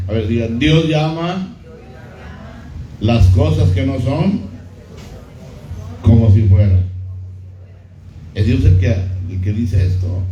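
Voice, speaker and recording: A middle-aged pastor preaching a sermon, who repeats key phrases and puts questions to the congregation. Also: male voice, medium pitch, mellow, a little hiss or hum. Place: church hall. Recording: muffled echoey church recording.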